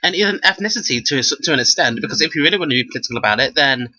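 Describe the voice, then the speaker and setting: Give me a sassy young man vlogging at home, with a sharp, bright, slightly high voice. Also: very fast, dull audio. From England. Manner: animated and sassy, often says "girl". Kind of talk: casual ranting to camera.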